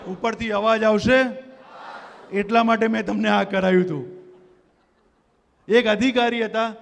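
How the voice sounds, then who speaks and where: High-pitched rousing motivational speaker man. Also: creaky, fairly bright tone. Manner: rousing, leads the audience in call-and-response. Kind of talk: motivational stage talk. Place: community gathering hall. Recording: long hall reverb.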